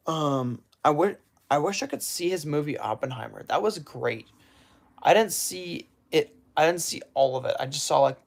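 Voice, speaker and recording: A man's voice: medium pitch, gravelly. A man hosting a casual livestream, rambling and correcting himself as he reacts to chat. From United States. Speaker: livestream host.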